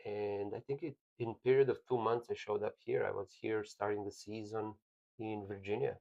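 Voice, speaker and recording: A man's voice: lowish voice, flat delivery, normal speed, vocal fry, a little mellow, dull audio. A man from Serbia with a Serbian accent, talking plainly and earnestly as a business owner in a casual podcast chat.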